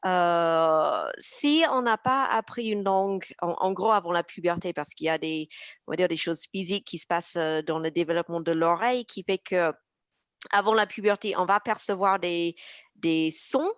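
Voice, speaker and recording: A woman's voice: lowish voice, moderate pace, smooth, no room sound, clean studio sound. A woman with an American Mississippi accent, an English coach explaining her views thoughtfully in a casual conversation.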